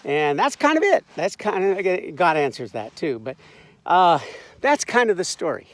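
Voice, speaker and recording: A man's voice: high-pitched, big pitch swings, unhurried, no room sound. A man casually retelling a Bible story as a satire, irreverent and wry, with frequent asides and restarts. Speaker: informal Bible commentator.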